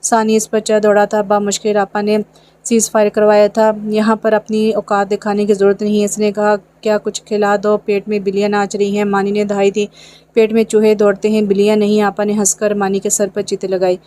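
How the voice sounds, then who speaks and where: Female narrator for a romance novel. Very flat and even delivery, mellow tone, same voice for every character. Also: mid-range voice, brisk, smooth.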